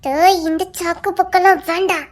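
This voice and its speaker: A woman's voice: extremely high pitch, fairly even intonation, moderate pace, voice pushed up. A woman voicing a playful young wife who teases and bosses her husband, acted in an audio story. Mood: coaxing. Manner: teasing, bossy, coy. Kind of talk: audio story role-play.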